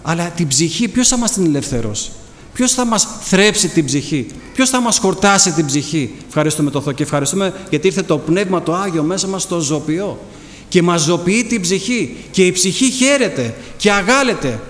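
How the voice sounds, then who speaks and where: A man's voice: high voice, animated. A middle-aged man preaching a sermon with personal testimony, fervent and full of rhetorical questions. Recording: echoey hall, faint background noise.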